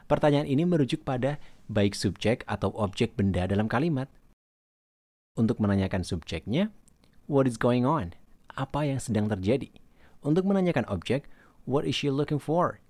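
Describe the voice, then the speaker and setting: Man teaching English, slow, dry. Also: mid-range voice, lively intonation, a little mellow, no echo. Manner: reads English examples slowly, then translates. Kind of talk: recorded language lesson.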